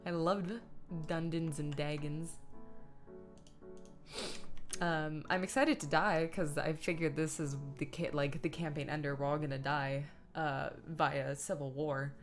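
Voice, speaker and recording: A woman streamer with a low, steady voice chats unhurriedly while editing images at her computer, with faint music behind her. She talks through small tasks in short asides during this casual livestream.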